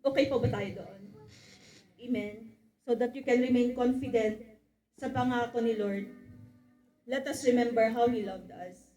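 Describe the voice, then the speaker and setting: A woman with a high voice preaches in mixed Tagalog and English. She keeps calling out to the congregation for an amen. The room around her sounds echoey and reverberant. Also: a little slow, pauses often, mellow. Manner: calls out "Amen?" and "Glory to God" to the congregation, acts out quoted voices. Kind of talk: Taglish sermon.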